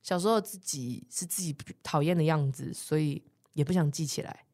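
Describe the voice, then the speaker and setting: A woman's voice: deep voice, moderate pace. A woman, co-hosting a podcast and telling a story in a casual chat, laughing often and acting out what others said. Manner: animated storyteller, swears, laughs often, acts out quoted people. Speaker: podcast co-host.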